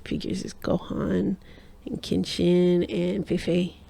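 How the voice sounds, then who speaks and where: A woman's voice: on the low side, little pitch movement, slow, gravelly, warm tone. A woman co-hosting a casual chat in a home studio, playful and teasing, laughing often. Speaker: co-host.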